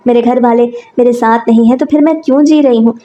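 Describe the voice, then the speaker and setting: A woman voicing a meek, tearful young second wife who talks softly and pleads, read as part of a storybook narration. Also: a little high, fairly even intonation, fast, muffled recording, natural voice. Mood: pleading. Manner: soft, pleading.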